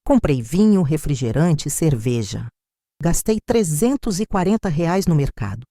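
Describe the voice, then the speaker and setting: An older woman with a Brazilian Portuguese accent narrating a first-person family story in a measured, bitter, reflective way. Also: low-pitched, sing-song, warm tone, no room sound, studio quality.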